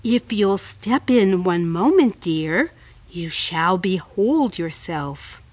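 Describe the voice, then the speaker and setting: A sly spider purrs low and slow, sweet-talking with hushed menace, as a woman reading aloud puts him on. The voice is close and dry, with no room sound. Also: animated, no room sound, recorded from a distance. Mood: coaxing.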